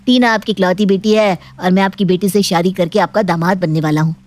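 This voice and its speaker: A woman voicing a cocky, greedy, jobless young man in an animated storybook, cheeky and mocking. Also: fairly low pitch, a little fast, natural voice.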